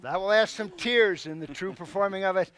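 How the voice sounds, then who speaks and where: A man's voice: high voice, a little fast. A man reading the part of a boastful weaver who wants every role, in a casual play read-through. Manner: boastful, theatrical, bursts into shouting. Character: boastful male weaver, eager amateur actor.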